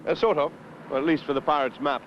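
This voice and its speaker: An actor playing a wry senior British detective in a 1970s television drama, speaking in a clipped, dryly authoritative way. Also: male voice, on the high side, steady tone, fast, lightly acted. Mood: measured, explanatory. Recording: dull, noisy 1970s television location sound.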